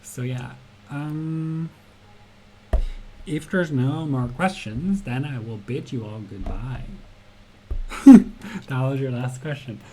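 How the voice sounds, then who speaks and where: The host of a casual game jam stream talks slowly and pauses often as he responds in a friendly way to questions from chat, with lots of ums and uhs. His mid-range voice has a dark tone, and a little hiss or hum is audible.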